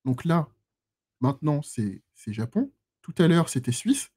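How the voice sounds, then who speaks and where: A man teaching a live-streamed class in a chatty, self-mocking way, stopping often to restart his sentences. His voice is dark and a little husky. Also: a little high, very animated, measured pace. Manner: chatty, self-teasing, many fillers and restarts. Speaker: instructor. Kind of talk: live-streamed database lesson. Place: lives in Switzerland.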